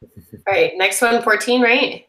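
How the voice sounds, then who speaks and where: A woman's voice: a little high, unhurried, sharp tone, echoey room, rough recording. A young woman, a student, chatting and asking questions on a video call while working through homework problems with others. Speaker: student in a study group. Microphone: computer mic on a video call.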